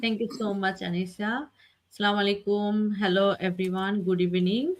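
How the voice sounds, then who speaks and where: A woman from Bangladesh speaking politely and in a measured way as a guest on an online panel. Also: medium pitch, steady tone. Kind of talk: online group discussion.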